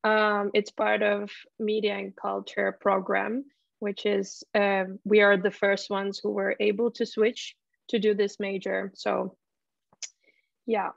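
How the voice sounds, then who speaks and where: A woman in her early twenties from Finland, a student presenting her study program on a video call, hesitant with many pauses and restarts. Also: mid-range voice, monotone, vocal fry, dry recording. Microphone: laptop mic on video call. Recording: dull, lo-fi video call audio.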